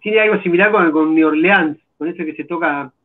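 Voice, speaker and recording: A man answers as the guest drummer, his voice a little high for a man. He speaks thoughtfully and agreeably and sometimes pauses to collect his thoughts. A narrow, phone-like call line carries his voice. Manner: thoughtful, agreeable, hesitant restarts. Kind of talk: interview answers over a video call. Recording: tinny phone-like video call audio.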